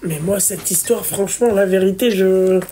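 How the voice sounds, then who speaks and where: A woman's voice: mid-range voice, normal speed, dark tone, a little hiss or hum. Woman cursing in shocked reactions. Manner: swears a lot, stammers in shock, calls the guest darling. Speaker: listener reacting to a guest. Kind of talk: casual chat.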